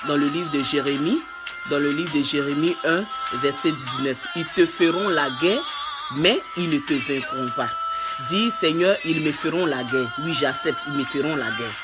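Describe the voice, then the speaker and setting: Woman preacher live-streaming a fervent, repetitive sermon that swells toward shouting, with heavy music behind. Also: low voice, normal speed. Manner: speaks in tongues. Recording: loud music underneath.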